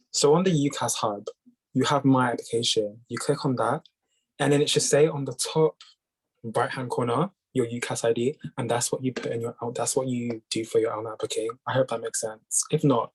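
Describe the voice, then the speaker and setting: A man's voice: medium pitch, slightly rough, low-quality recording. A young man in his late teens hosting a video call, giving casual, reassuring advice that rambles with fillers. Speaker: host.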